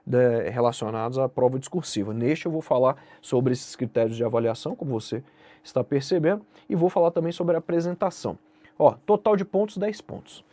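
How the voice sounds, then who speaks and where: A Brazilian man with a Brazilian Portuguese accent teaches an online exam-prep lesson on how essays are graded, addressing the viewer directly and posing questions he then answers himself. His voice is on the high side and a little mellow, with no echo.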